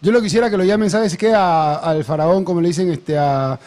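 A man's voice: high voice, brisk, a little mellow. A man with a Peruvian Spanish accent co-hosting a live football talk show, giving opinionated takes and teasing his partner. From Peru. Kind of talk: casual live sports banter.

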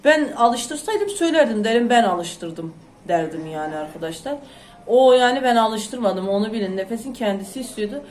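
A woman chatting loudly and rambling to her viewers in a casual home vlog. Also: fairly high pitch, lively intonation, moderate pace, a little hiss or hum. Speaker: vlogger. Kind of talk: casual chat to camera. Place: home, indoors. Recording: echoey room.

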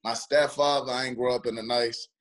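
A young man from Washington, DC, a former football player and trainer, telling stories in a lively, slangy way with many restarts. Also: mid-range voice, a little fast. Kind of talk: casual podcast chat.

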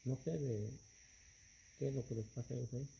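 A middle-aged man calmly explaining things while reacting to a video in a small indoor room, filmed close by a camera. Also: medium pitch, gravelly, a little hiss or hum, rough recording. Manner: calm, explanatory, unhurried. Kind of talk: casual reaction chat.

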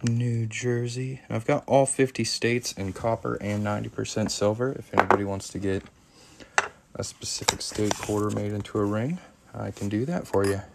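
On a noisy workshop live stream, a coin ring maker chats casually as he demonstrates his craft and answers viewer comments. His voice is lowish, gravelly and steady, at a normal speed. Tool noise, sanding and clicks fill the background.

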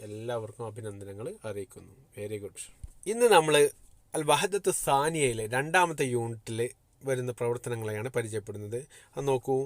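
A man from Kerala teaching a primary school Arabic class online. He reads textbook phrases slowly, then explains them and asks questions that he answers himself. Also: mid-range voice, no echo. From Kerala, India.

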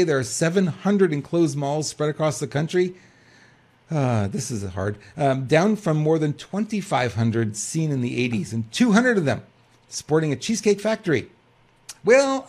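An older man co-hosts a news talk show from a webcam setup, his voice swooping up and down as he fires off rhetorical questions. He reads headlines, then breaks into loose, restart-filled commentary. The pitch sits a little high for a man. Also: creaky. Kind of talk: casual commentary and reading news aloud.

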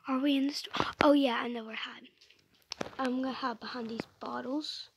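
A woman's voice: high-pitched, fairly even intonation, brisk, vocal fry, noisy background. A woman giving casual game commentary, often dropping to an anxious whisper and filling gaps with chatty fillers. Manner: drops to an anxious whisper while hiding, chatty with many fillers. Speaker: gameplay video host.

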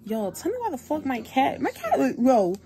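A woman's voice: sits high, moderate pace, noisy background. A young woman vlogging, telling a story casually with lots of slang and swearing. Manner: animated, profane, slangy storytelling.

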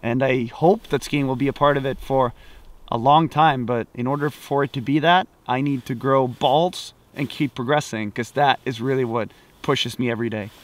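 A man's voice: medium pitch, fairly even intonation, moderate pace. A man in his thirties, a pro skier and vlogger, talking candidly outdoors in a casual sit-down interview, reflective and full of restarts. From Sweden. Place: outdoors on a snowy hillside. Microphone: off-camera mic, framed head and shoulders.

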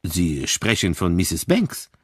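A man voicing a calm, unflappable older male detective who speaks low, gently and slowly, with a mildly ironic manner. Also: slightly rough, no echo, clean studio sound, full character voice. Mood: calm, gentle. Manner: mild, encouraging, quietly ironic.

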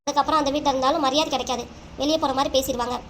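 A woman's voice: high voice, steady tone, very fast, slight background noise. A woman voicing an emotional, argumentative family quarrel in a cartoon. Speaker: voice actor for all the figures. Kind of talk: cartoon voice acting.

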